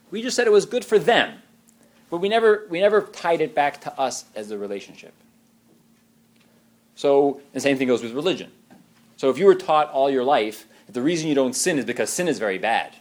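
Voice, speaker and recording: Animated man giving a religious talk. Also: mid-range voice. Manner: animated, acts out quoted voices, frequent restarts.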